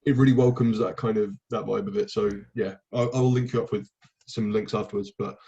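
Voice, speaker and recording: A man's voice: on the low side, fairly even intonation, a little fast, gravelly, dark tone, lo-fi sound. A young man hosting a casual chat about poetry. He rambles enthusiastically and swears casually. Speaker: podcast host. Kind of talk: casual conversation.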